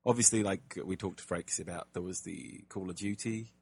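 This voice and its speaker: A man's voice: sits low, fairly even intonation, moderate pace, creaky, a little mellow, husky, no room sound. A man co-hosting a casual gaming podcast, chatty and jokey, with plenty of fillers and restarts. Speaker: podcast co-host.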